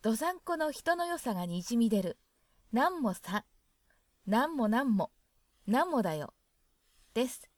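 A woman hosting a dialect lesson who explains expressions in a gentle, chatty way. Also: a little high, sing-song, moderate pace, long pauses, no echo, clean studio sound.

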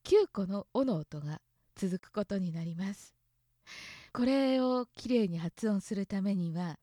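A woman's voice: on the low side, dark tone, no room sound, clean studio sound. A young woman explaining Japanese pronunciation in a casual way, stretching out vowels to demonstrate them. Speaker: language explainer.

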